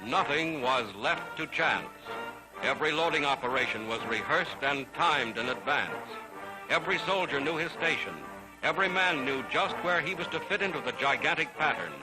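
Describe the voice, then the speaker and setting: A man's voice: a little high, normal speed, rough recording. A man giving grand, declamatory scripted narration for an old wartime newsreel. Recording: narration over loud music.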